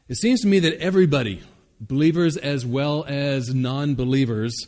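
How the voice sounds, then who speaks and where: A man preaching to his congregation in an earnest, conversational way, with a slightly raised pitch. His voice rings with long reverb in a church sanctuary. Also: darkish tone. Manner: earnest, conversational, with occasional fillers. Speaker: pastor. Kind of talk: sermon.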